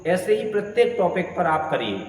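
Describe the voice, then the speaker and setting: A man's voice: sits high, sing-song, normal speed, recorded from a distance, a little hiss or hum. Earnest male teacher in an echoey room. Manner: earnest, repeats key points for emphasis. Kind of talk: motivational study advice talk. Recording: echoey room with long reverb, faint ambience.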